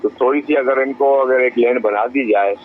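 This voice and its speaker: A man's voice: medium pitch, steady tone, moderate pace. A middle-aged man with a Karachi Urdu accent calling a radio show, politely offering a suggestion. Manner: polite, deferential. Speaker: caller, motorist. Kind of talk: phone-in suggestion. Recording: dull phone line with faint noise.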